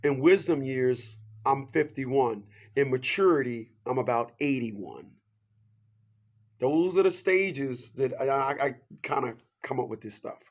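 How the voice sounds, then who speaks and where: A man in his fifties delivers a preachy motivational monologue, full of rhetorical questions and repeated catchphrases. He swings from loud, high bursts to hushed asides, speaking in an animated way at a measured pace.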